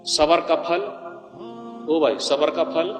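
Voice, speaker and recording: A man giving an impassioned sermon to a congregation, questioning the audience and swinging between loud and soft. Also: on the high side, flat delivery, long reverb tail, over music. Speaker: preacher. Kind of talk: Urdu sermon to a live congregation.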